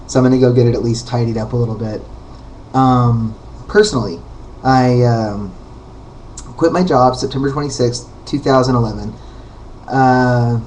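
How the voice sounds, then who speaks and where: A man with a baritone voice in a mid-range register talks straight into a webcam. He rambles, candid and unpolished, filling his pauses with ums and uhs. A faint background hiss sits under the voice. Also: darkish tone, poor audio. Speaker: vlogger. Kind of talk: casual talking-to-camera vlog.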